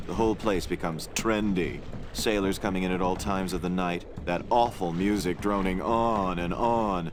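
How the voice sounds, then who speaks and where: An actor playing a polite, officious cannibal islander in a comic adventure game, speaking deadpan like a tour guide. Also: male voice, low-pitched, normal speed, noisy background, close to an everyday voice. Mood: grumbling. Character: civil, polite male cannibal islander villager with modern tastes.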